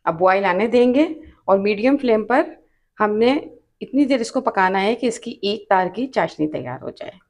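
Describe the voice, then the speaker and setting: A woman with a Pakistani Urdu accent hosting a cooking channel, calmly explaining each step of a recipe and repeating her tips. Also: mid-range voice. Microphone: off-camera voice over hands-only cooking shots.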